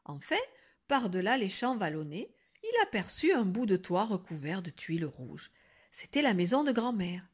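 A woman teacher reading a storybook aloud, slow and expressive, sometimes hushed. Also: medium pitch, slightly rough.

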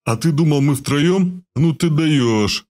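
A man voicing a big, bearded, blunt and mocking comrade in an audiobook with a rough, teasing delivery. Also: fairly high pitch, slow, a little mellow, pitched above the performer's own voice.

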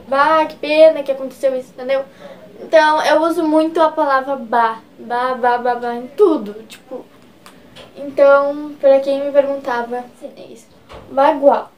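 In a casual vlog on regional slang, a high-voiced gaúcha from Rio Grande do Sul, Brazil, chats away in her Gaúcho Brazilian Portuguese accent, filling her speech with fillers and gesturing a lot with both hands. A little hiss or hum is audible.

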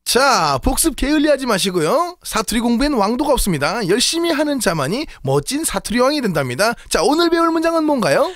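A man's voice: very high voice, very animated, a little fast, hardly any pauses, a bit bright, dry recording. A man hosting a comedy sketch as a mock teacher of dialect phrases, exaggerated and teacherly. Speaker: comedy host. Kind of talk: mock language lesson.

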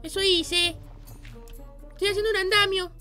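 A bossy, jumpy baby boy narrates his Minecraft build in a very high, squeaky, sparkling voice. Every line is pitched way up and tense with eagerness. Soft children's music plays underneath. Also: moderate pace, full character voice. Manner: squeaky sped-up baby voice, excitable. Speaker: channel host. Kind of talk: Minecraft let's play.

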